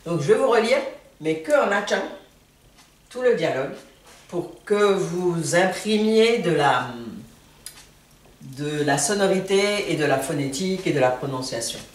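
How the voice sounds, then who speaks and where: Slow, patient language teacher. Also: mid-range voice, lively intonation. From Ivory Coast, Atchan people. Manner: patient, explains word by word. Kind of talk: slow spoken language lesson. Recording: roomy, distant mic, faint ambience.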